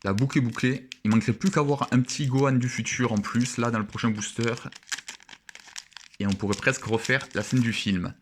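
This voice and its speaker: A man's voice: mid-range voice, fairly even intonation, fairly quick, a little hiss or hum. A young man chatting casually and with enthusiasm as he opens trading cards and admires each one. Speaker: card opening vlogger. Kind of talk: casual card-opening commentary.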